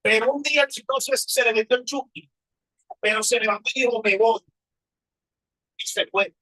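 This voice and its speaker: Male preacher, husky voice, emotional testimony storytelling, rhetorical questions. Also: very high-pitched, brisk, pushed and bright, no echo, low-quality recording. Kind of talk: personal testimony sermon.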